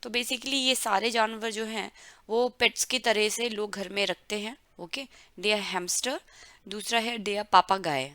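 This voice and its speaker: A woman explains German words to learners, stretching each word out and repeating it for pronunciation. Her voice is bright and crisp, and she speaks slowly. The sound is close and dry, with no room around it. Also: medium pitch, fairly even intonation, dry recording. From India. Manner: drawn-out, careful word-by-word pronunciation drills. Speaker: German language teacher. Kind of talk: explaining vocabulary to learners, mixing Hindi and English.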